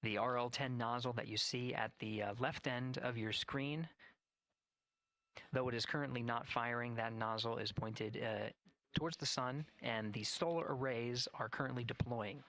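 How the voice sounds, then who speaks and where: A man giving measured, factual live spaceflight commentary as a mission control announcer. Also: medium pitch, steady tone, a bit bright, dry recording.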